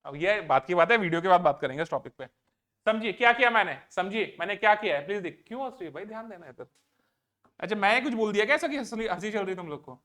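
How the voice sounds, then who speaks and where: A male teacher lecturing a room full of students. He keeps the class moving with a steady pattern: he asks a question, answers it himself, then asks it again. In between he pleads with them to concentrate. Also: high voice, quick pace. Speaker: physics teacher.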